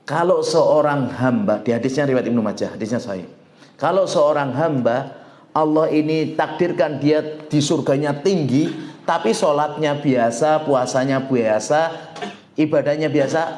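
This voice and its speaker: Joking ustadz in an echoey room. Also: male voice, mid-range voice. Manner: lively, joking with the audience, quotes Arabic slowly. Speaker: ustadz giving a religious study talk. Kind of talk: informal sermon.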